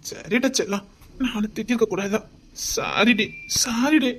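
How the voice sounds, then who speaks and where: Homemade drama role: a doting young husband with a Tirunelveli accent, soft and coaxing, higher-pitched, played by a woman. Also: expressive, a little slow, a little hiss or hum. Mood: tender. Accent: Tirunelveli Tamil. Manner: tender, pleading, often near a whisper.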